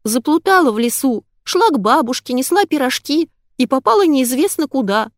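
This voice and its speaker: A woman's voice: high-pitched, animated, normal speed, no echo, clean studio sound, pitched above the performer's own voice. A woman putting on the squealing voice of a frightened lost little girl in an audiobook. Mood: mock-pitiful. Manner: whiny, squealing. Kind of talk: audiobook character voice.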